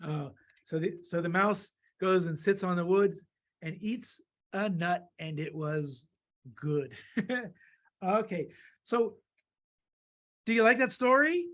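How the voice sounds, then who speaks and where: A woman reading a children's story aloud and drawing along, lively and laughing, jumping into small character voices. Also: on the low side, slow pace, long pauses. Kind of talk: storytime read-aloud for kids.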